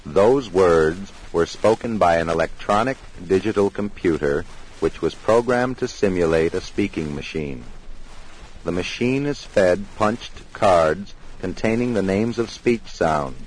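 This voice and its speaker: A man giving formal, measured scripted narration for a technical demonstration. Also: sits low, lively intonation, a little hiss or hum, poor audio. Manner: formal, measured explanatory delivery.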